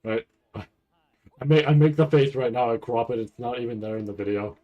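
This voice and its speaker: The audio is dull, carrying a mid-range male voice at a moderate pace. He hosts a casual livestream about an anime event, musing aloud in rambling, loose talk that sometimes gets profane.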